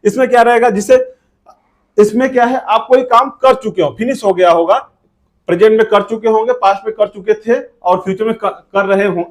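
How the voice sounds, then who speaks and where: High-voiced Indian man teaching grammar. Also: fairly quick. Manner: drills sentence pairs, repeats words, asks and answers own questions. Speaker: English teacher. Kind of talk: classroom grammar lesson.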